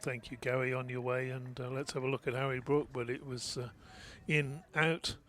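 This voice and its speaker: A man's voice: medium pitch, little pitch movement, normal speed, fairly bright tone. A man co-commentating on cricket for radio, with easygoing, teasing banter.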